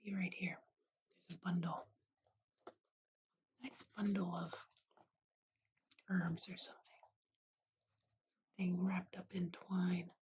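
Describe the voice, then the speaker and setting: Speaking in a soft, breathy whisper, this ASMR art host, whose sex is unclear, gently narrates a drawing in brief murmured phrases close to a USB condenser mic. The pitch is mid-range and the tone level, with a slow pace and frequent pauses. Hiss, clicks, and writing sounds fill the noisy close-mic background.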